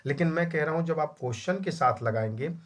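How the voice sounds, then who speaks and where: A man's voice: on the high side, expressive, brisk. Stern man teaching a grammar class. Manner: scolding, calls students "my child"; repeats questions, drills answers. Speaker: exam-prep Hindi grammar teacher. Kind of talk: online class lecture.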